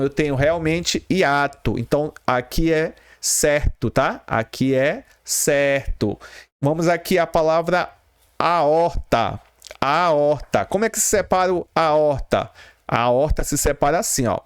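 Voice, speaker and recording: A man's voice: a little high, no room sound, clean studio sound. A man with a Brazilian Portuguese accent teaching an exam-prep grammar lesson, explaining step by step and repeating key terms while checking in with viewers.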